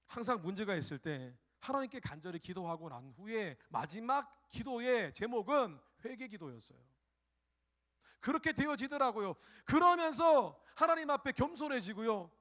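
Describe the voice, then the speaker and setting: Impassioned preaching man, high and animated. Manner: swings from hushed, low reflection to loud, pleading cries; acts out his own prayers and God's replies. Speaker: pastor. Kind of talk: sermon.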